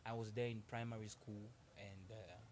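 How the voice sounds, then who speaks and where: A man's voice: on the low side, flat delivery, moderate pace, crowd noise. A young man from Cameroon, a guest talking casually in an interview, polite, laughing often and restarting his sentences.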